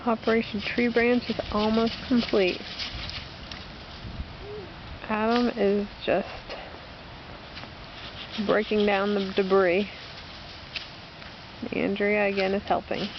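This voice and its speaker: A woman narrates a backyard home video from behind an old camcorder, talking slowly and announcing the work like a playful official report. The old camcorder audio is dull and lo-fi, with a steady hiss of noise underneath. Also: medium pitch. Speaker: family member filming a home video. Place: outdoors in a yard during tree cutting. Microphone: built-in camcorder mic, speaker behind the camera.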